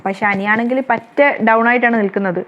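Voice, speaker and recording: A woman retelling a TV serial episode, rushing through the story and correcting herself as she goes. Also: on the high side, fairly even intonation, a bit bright, dull audio. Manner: rapid storytelling with frequent self-corrections.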